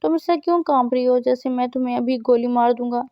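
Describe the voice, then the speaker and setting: A woman's voice: high-pitched, clear, resonant tone, dry recording, muffled recording. A curt, cold male boss, read by a woman. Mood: stern. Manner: curt, commanding. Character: stern cold rich male boss, young husband.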